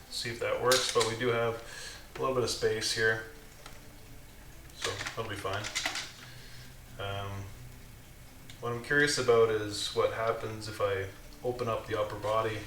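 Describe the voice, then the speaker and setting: Working at his bench during a live build stream, a man with a low voice offers casual commentary, thinking aloud and restarting haltingly with fairly even intonation. The audio comes from a condenser mic placed at a distance, so it sounds roomy, and there's background noise plus music from a streaming app.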